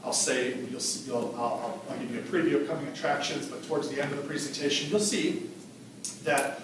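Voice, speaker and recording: In a board meeting room, a man walks a school board through assessment data conversationally, often repeating words as he thinks out loud. His voice is fairly high and fairly quick, picked up by a table microphone against a noisy background.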